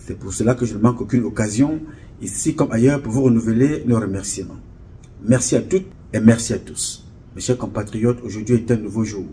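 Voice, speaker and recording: A man from Cameroon, speaking straight to camera to his supporters in a solemn, measured, rhetorical way, repeating and listing words for weight. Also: on the low side, dark tone, slight background noise. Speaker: association spokesman addressing followers. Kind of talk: direct-to-camera address. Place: indoor studio with camera crew.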